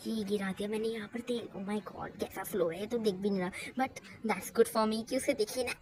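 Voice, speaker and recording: A woman's voice: mid-range voice, fairly even intonation, normal speed, a little mellow, natural voice. A woman voicing a jealous, scheming young woman who sneers and slips English phrases into her talk in a hobby doll mini-movie. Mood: gloating. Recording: noisy home recording.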